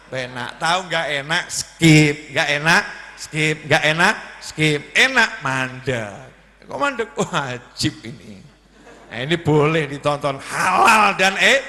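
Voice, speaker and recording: A man with a Javanese accent preaching a humorous sermon, telling stories and acting out the dialogue himself. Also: sits high. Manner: lively storytelling, acting out dialogue. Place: religious gathering hall. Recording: long reverb in a large hall.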